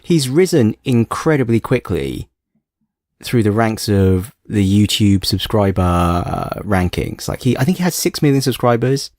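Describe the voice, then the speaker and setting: A man's voice: lowish voice, expressive, measured pace, darkish tone, dry recording, clean studio sound. A young man co-hosting a podcast in casual chat, playful and self-mocking with a snarky streak. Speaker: podcast co-host.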